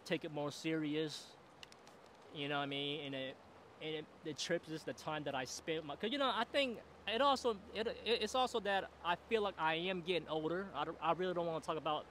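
A man in his forties muses aloud on a solo podcast, his voice a touch higher than most. He rambles and circles back, leaning on "you know what I mean" at every turn. He is seated outdoors at a boom mic, with faint outside noise behind him. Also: fairly quick, fairly bright tone. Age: 40s. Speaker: podcast host. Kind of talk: casual solo monologue. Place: outdoors, seated in a camp chair in a river. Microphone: boom mic on a stand.

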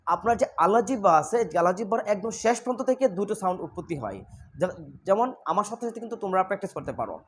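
A woman teaching English pronunciation, drilling sounds slowly and repeating them for practice. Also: medium pitch, very animated, a little hiss or hum. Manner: slow drilling of sounds, mixing Bengali and English. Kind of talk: spoken English lesson. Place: indoor room with a fan running.

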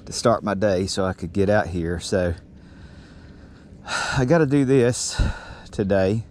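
A fishing vlogger with a somewhat low voice rambles casually and folksily while fishing outdoors from a small boat on calm water. It's recorded on a body-worn action camera, so the outdoor audio has a steady noise.

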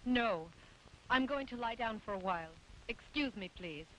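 A woman's voice: a little high, lively intonation, normal speed, poor audio. An actress playing a confused mother under a spell in a 1950s dubbed film. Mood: bewildered. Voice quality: soft, bewildered.

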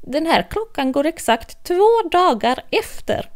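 A woman voicing an eccentric, mad male hatter who speaks in a high, slow, odd voice. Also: very animated. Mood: whimsical.

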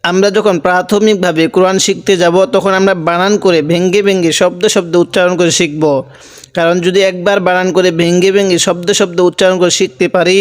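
A man's voice: high voice, level tone, fast talker. A man teaching Quran reading, spelling out Arabic letters one by one and then chanting the words drawn out. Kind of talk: slow spelling-out recitation lesson. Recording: long hall reverb.

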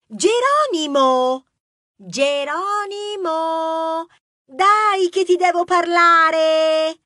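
Woman voicing a very high-pitched mouse lady, shrill, pushy, dry close sound. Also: drawn-out words, sharp tone, no room sound, heavily acted. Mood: insistent. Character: bossy loud female mouse detective neighbor. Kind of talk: audiobook character voice.

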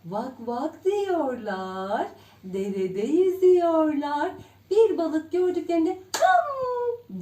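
A woman's voice: high voice, warm tone, recorded from a distance, slight background noise. A woman preschool teacher telling a story and leading a finger game for small children, in a sing-song manner. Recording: roomy echo.

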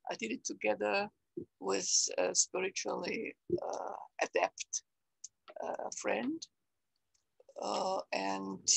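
An older woman with an Austrian German accent, speaking English on a video call, reflective and halting, with many fillers. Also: medium pitch, gravelly, no echo, low-quality recording. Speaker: interview guest, salon organizer. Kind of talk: casual conversation on a video call. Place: bright room at home. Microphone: webcam on a video call.

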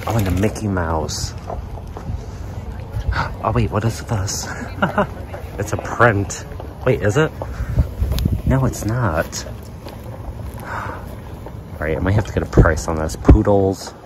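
A man giving casual running commentary while browsing an outdoor flea market, murmuring excited remarks about items and prices, recorded on a handheld phone. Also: on the low side, slow, long pauses. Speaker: vlogger shopping a flea market. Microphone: handheld phone camera, first-person view. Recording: loud outdoor background noise.

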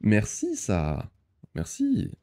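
A man's voice: lowish voice, huge pitch swings, very slow, warm tone. A young man chatting casually on a live stream, reading the chat aloud, laughing often and using many fillers.

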